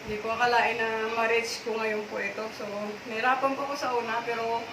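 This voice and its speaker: A woman's voice: on the high side, little pitch movement, fairly quick. A woman vlogger talking in an exuberant, celebratory way, cheering between her thanks. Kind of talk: excited celebratory vlog. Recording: roomy, distant mic with ambient noise.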